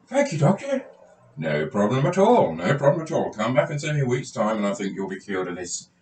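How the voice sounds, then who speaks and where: A man hamming it up as a doctor in a home-made sketch, chatty and given to repeating himself. His pitch is mid but very lively, and the recording is roomy and distant with faint noise behind. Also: fast. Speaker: comic playing a doctor.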